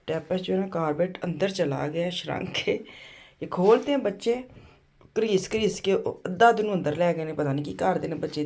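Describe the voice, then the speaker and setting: Brief: middle-aged Punjabi-accented vlogger woman, sore throat, soft chatty voice-over, slight gravel in the voice. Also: fairly low pitch. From Pakistan. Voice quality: hushed, softly spoken. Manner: chatty, addresses viewers directly. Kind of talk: casual voice-over narration. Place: home kitchen.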